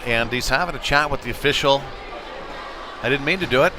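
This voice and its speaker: A faint crowd sits under a commentator's bright, forceful, mid-range voice as he talks a little fast through a youth hockey game. He does play-by-play from an indoor rink in a loose, conversational way with fillers and asides, and the live broadcast is noisy.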